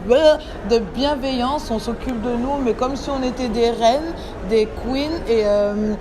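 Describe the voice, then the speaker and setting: A woman's voice: fairly high pitch, a little slow. A woman who runs a catering business, speaking effusively about a summit, with some stumbles. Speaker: event caterer, business owner. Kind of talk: conference testimonial. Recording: noisy ambient background.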